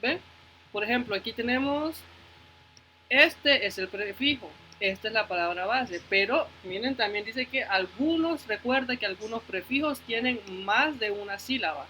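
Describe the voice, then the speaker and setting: A man's voice: extremely high pitch, lively intonation, moderate pace, sharp tone, a little hiss or hum, low-quality recording. A male teacher giving a phonics lesson to children, patiently repeating words and checking in with the class, moving between Spanish and English.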